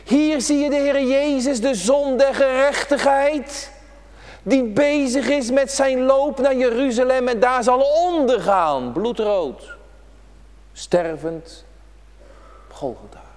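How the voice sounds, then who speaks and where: A man's voice: very high voice, takes it slowly, a little mellow, big-room sound. A man preaching an emphatic, repetitive prayer-day sermon to children in a church. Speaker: pastor.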